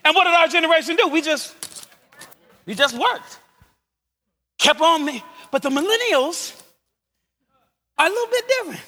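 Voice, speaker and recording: High-pitched preaching man in a hall. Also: expressive, normal speed, long pauses. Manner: preaching, builds to shouts. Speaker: pastor. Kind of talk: sermon.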